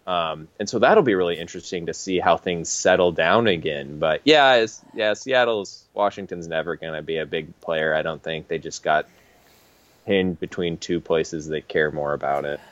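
A filmmaker in a casual podcast chat, explaining at length in an easygoing way with filler words. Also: male voice, low voice, normal speed, lo-fi sound. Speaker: independent filmmaker.

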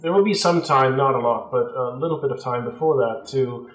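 A man voicing a jolly British expedition leader with a put-on British accent, hearty and halting. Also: medium pitch, reverberant, soft background music, lightly acted, rough recording.

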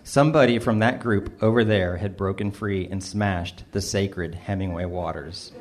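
A middle-aged man with a slightly low voice tells a funny story about himself. His delivery is dry and wry, and he mocks himself as he reads his own essay. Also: normal speed. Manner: dry, self-mocking delivery with small laughs. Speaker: narrator reading his personal essay. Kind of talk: first-person storytelling, wry and humorous.

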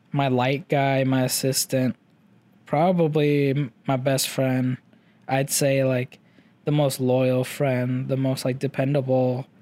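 A young male vlogger with a slight Chinese-English accent gives a casual, rambling audio update. His voice is mid-range and a little mellow, and his talk is full of fillers and casual swearing.

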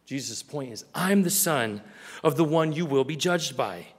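A male pastor preaching a sermon earnestly, acting out small scenes in a quieter voice. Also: fairly high pitch, lively intonation, moderate pace, breathy edge, long reverb tail.

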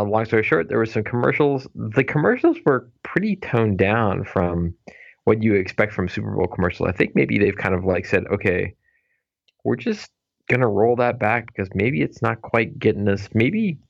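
A man co-hosting a podcast in relaxed casual chat, full of fillers. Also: on the low side, gravelly, dry recording, highs cut off. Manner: laid-back, filler-heavy. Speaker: podcast co-host.

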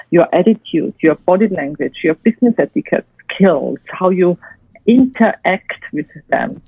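Woman, non-native English accent, husky edge, dry phone-like sound, emphatic, orderly advice, repeated lists. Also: medium pitch, no echo. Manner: emphatic, orderly, listing points with repetition. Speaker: guest expert and speaker. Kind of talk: structured advice interview. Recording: tinny phone-like line, dry.

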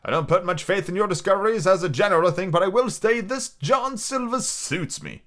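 A man voicing a courteous, measured gentleman doctor with formal, considered phrasing. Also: high-pitched, pitched above the performer's own voice. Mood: measured, approving.

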